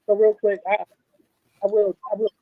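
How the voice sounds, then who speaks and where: A man's voice: sits high, completely flat delivery, moderate pace, no echo, phone-quality sound. A man calling in remotely to a casual sports debate, his voice garbled and underwater-sounding as the connection breaks up, hesitant and restarting as the line cuts out. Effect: garbled, underwater-sounding remote call connection that keeps breaking up.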